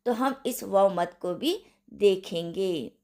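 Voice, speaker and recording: Slow, patient woman teaching recitation. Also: medium pitch, darkish tone. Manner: patient, repeats sounds syllable by syllable for practice. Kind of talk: slow online tajweed lesson.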